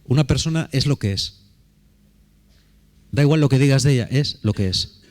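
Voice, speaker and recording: Emphatic preacher, conversational. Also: male voice, mid-range voice, lively intonation, normal speed, a little mellow. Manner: conversational, emphatic, asks rhetorical questions. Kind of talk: sermon.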